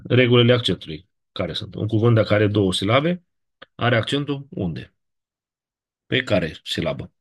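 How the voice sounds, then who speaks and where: A man with a Romanian accent teaching a Latin class, explaining in a measured way and often checking in with the students. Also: fairly low pitch, animated, husky. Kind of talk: classroom lecture.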